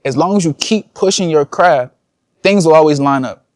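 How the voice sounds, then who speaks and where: A man's voice: fairly high pitch, normal speed, dry recording, clean studio sound. A young man, a content creator, talking casually and slangily to his viewers in a vlog. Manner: casual slangy talk, addresses viewers as y'all.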